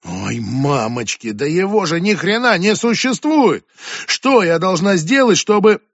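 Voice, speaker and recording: Man doing a shrill, swearing teenage girl. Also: very animated, unhurried, a bit bright, no echo, muffled recording, heavily acted. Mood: furious, exasperated. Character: foul-mouthed angry teenage girl.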